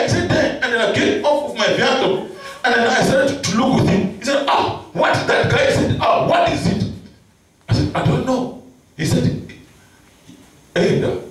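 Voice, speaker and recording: A high-pitched pastor with a Venda accent from South Africa preaches at an unhurried pace. He tells a story and acts out its people, then leads the congregation in prayer. He sounds far from the mic in a very echoey hall with music underneath. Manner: storytelling, acting out voices in his tale, calls and responses. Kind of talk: sermon with mass prayer. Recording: very echoey hall, picked up from afar, music behind.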